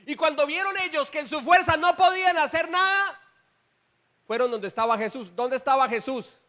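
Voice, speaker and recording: High-voiced man preaching a sermon. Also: moderate pace, bright, forceful tone. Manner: preaching with rising emphatic bursts and asides to the congregation. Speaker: pastor. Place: church.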